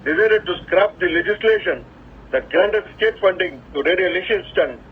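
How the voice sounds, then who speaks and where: A man reads a weekly radio digest in a steady, careful way, his voice pitched high. It reaches us over a shortwave radio, narrow and tinny, with a faint hiss underneath. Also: moderate pace. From South India. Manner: steady, carefully paced reading. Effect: heard over a shortwave radio. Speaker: radio program host. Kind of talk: scripted news digest reading.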